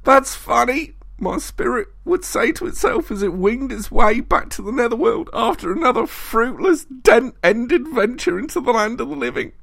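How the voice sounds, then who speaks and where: A vengeful male spirit, reborn again and again,. His rasping voice sits far above an ordinary speaking pitch, strained and unnatural in tone, hissing and menacing. Captured in a dry, close recording with no room sound. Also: expressive, measured pace, fairly bright tone, dry recording. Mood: ranting. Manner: menacing, rising to bellowing shrieks. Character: vengeful reincarnated male spirit, hateful and ranting. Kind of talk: audiobook character voice.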